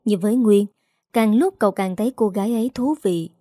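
A woman narrating a family drama story in a steady, dramatic read. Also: medium pitch, a little fast, dry recording, studio quality.

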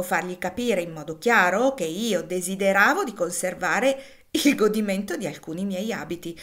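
A woman voicing a languid, ironic gentleman. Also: medium pitch, close to an everyday voice. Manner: drawling, playful, teasing.

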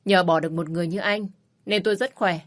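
A woman voicing a fiery, fed-up divorced young mother who talks sharp and scornful and shouts in anger in a storybook reading. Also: lowish voice, steady tone, quick pace, close to an everyday voice. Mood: cold. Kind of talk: storybook narration.

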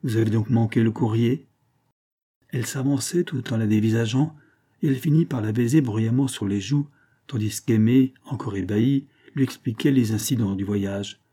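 Dark, husky male audiobook reader. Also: mid-range voice, moderate pace. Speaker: audiobook narrator. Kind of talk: literary audiobook narration.

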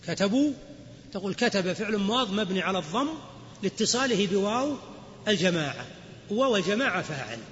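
A man's voice: high-pitched, big pitch swings, fairly quick, a bit bright, slight background noise. A man teaching grammar as a classroom lecture, explaining rules and then quizzing his students. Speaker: Islamic scholar teaching grammar. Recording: lo-fi recording with long hall reverb.

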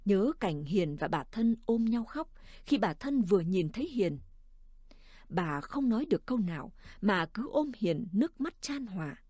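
A woman narrating a story in a calm, measured audiobook reading. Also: mid-range voice, no room sound, studio quality.

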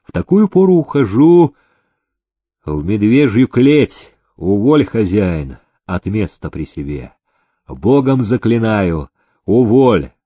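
A gloomy young stable groom played by a male narrator, muffled and sullen, given to bursts of anger. The voice drops low and dark below the reader's usual tone. It is recorded dry and close, as in a studio audiobook. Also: sing-song, slow pace, husky, dry recording, full character voice.

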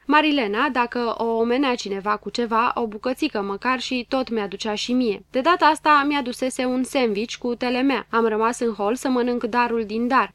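Woman, audiobook narrator, literary reading, measured and expressive, a bit high, dry close sound. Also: no echo.

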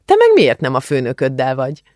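A man's voice: medium pitch, wildly swooping pitch, a little mellow, no room sound, studio quality. A man reading aloud who voices an outspoken, teasing teenage girl in an audiobook. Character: frank, blunt teenage girl.

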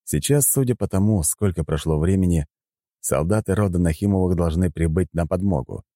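A male narrator tells a first-person adventure story in a steady, even manner. His voice is very low and mellow, and it sounds dry and close to the mic. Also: fairly quick, no echo.

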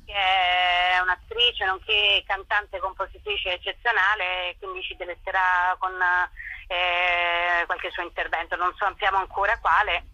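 A woman with a sharp, mid-range voice, recorded with no echo, is an actress guesting by telephone on a radio show. She chats casually but hesitantly, searching for what to say.

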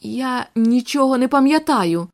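A woman's voice: high-pitched, expressive, normal speed, darkish tone. A woman reading the part of a shaken young man just freed from captivity, speaking in an anguished, faltering way.

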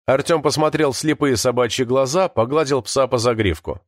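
A man's voice: medium pitch, a little fast, no echo, studio quality. A man reading an audiobook in a storytelling manner. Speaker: audiobook narrator. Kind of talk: scripted narration.

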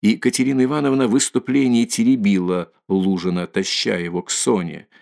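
A man narrating a classic novel in a measured, even reading. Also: lowish voice, creaky. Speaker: audiobook narrator. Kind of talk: scripted narration.

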